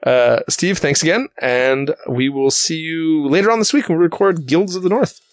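A man's voice: a little high, normal speed, no echo. A man hosting a casual podcast, talking in a rambling way with fillers and restarts. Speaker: podcast host.

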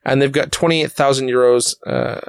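A man's voice: medium pitch, fairly even intonation, normal speed, creaky, smooth, dry recording. A man hosting a casual podcast, talking in a rambling way with fillers and restarts. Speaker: podcast host.

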